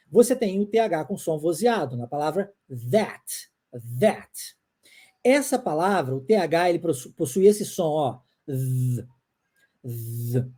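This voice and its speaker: A woman's voice: lowish voice, warm tone, husky. A woman with a Brazilian Portuguese accent teaching an online pronunciation lesson. She repeats her examples and checks in often with her viewers. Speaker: English teacher.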